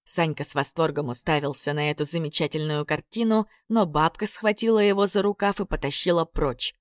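A woman with a low voice reads a fairy tale aloud, bringing expression to the storytelling. The recording is dry and close, with no room sound around her. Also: steady tone, brisk, no echo. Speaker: narrator. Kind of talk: audiobook narration.

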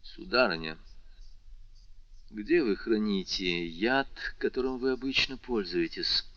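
A male reader voicing a cold, stern middle-aged prosecutor in an audiobook, speaking slowly and quietly. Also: lowish voice, no echo, highs cut off.

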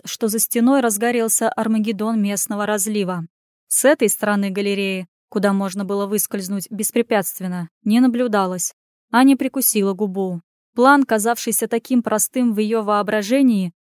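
A woman narrating a fantasy audiobook with brisk, lively storytelling. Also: mid-range voice, dry recording, studio quality.

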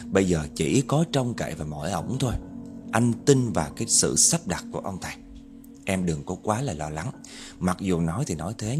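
A man's voice: low-pitched, a little mellow. A man telling a spooky story dramatically and speaking directly to his listeners. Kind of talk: spoken horror storytelling.

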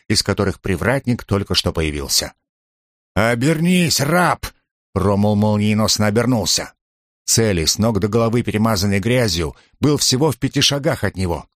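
Man, audiobook narrator, low voice, steady dramatic storytelling, dry close recording. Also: no room sound. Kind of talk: scripted narration.

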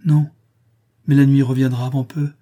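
A man's voice: mid-range voice, little pitch movement, moderate pace, warm tone, natural voice. A man voicing an indignant orphan girl. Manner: earnest, indignant. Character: proud unhappy orphan girl, about nine.

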